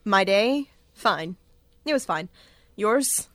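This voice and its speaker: A woman playing a wry, weary film-noir detective who narrates in a deadpan voice. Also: mid-range voice, slow, no echo.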